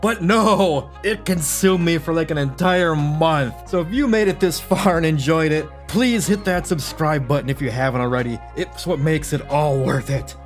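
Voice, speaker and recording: A man's voice: on the high side, normal speed, few pauses, soft background music. A man narrating gameplay from a script as a YouTuber, with wry, self-deprecating storytelling. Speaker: gaming YouTuber.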